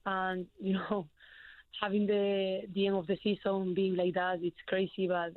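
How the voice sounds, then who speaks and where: A young adult woman from Spain answers a phone-in radio interview as a college basketball player, hesitant and full of fillers. Her Spanish-accented voice is medium-pitched and monotone at a measured pace, recorded dry over a tinny phone line.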